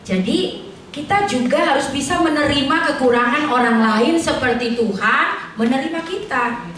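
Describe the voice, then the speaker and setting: A woman's voice: high voice, moderate pace, fairly bright tone, distant mic, a little hiss or hum. A middle-aged woman preaching an informal sermon at a prayer fellowship, chatty and colloquial, mixing in personal stories and questions to the congregation. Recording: echoey hall, voice picked up from afar.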